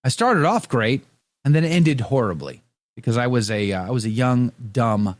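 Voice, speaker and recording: Reading out listener comments on his radio show, this man chats casually, jokes at his own expense and keeps restarting, rambling with plenty of fillers. His mid-range voice swings widely in pitch at a moderate pace. The recording is dry.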